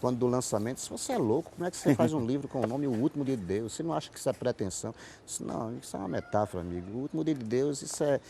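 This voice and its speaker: Here the same guest, a writer and playwright from Paraíba in Brazil's northeast, talks rapid-fire with almost no pauses, his mid-range voice expressive, warm, and creaky. He speaks with a Northeastern Brazilian accent, explaining ideas and repeating words as he gropes for phrasing, over slight background noise.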